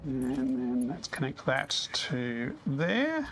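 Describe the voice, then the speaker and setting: A man's voice: mid-range voice, very animated, slow. A man giving casual gameplay commentary, thinking aloud in a self-deprecating way as he hosts. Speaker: gaming video host.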